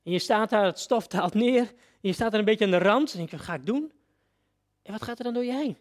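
A man's voice: sits high, quick pace. A man preacher giving a sermon, telling a story vividly and addressing his listeners directly.

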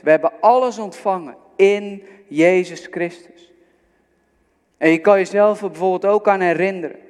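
A man's voice: sits high, a little mellow. A man preaching a sermon, earnest and exhorting, speaking directly to his listeners. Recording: long reverb of a large hall.

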